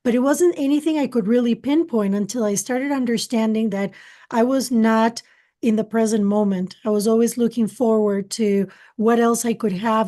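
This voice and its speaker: Her tone is dark though her pitch runs a little high. She is a middle-aged Costa Rican guest, Spanish by first language, who works as a spiritual channeler and tells her life story earnestly in an interview.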